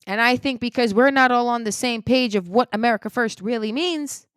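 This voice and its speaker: A woman giving a heated political opinion monologue, indignant, swinging between loud outbursts and low muttering. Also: fairly quick, smooth, no room sound, clean studio sound. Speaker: political commentator.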